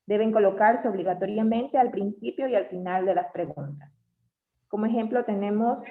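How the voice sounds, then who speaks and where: Woman presenting on a tinny, echoey line. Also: mid-range voice. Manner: measured reading of definitions and examples. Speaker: student presenter. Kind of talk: reading a class presentation. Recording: tinny phone-like audio in an echoey room.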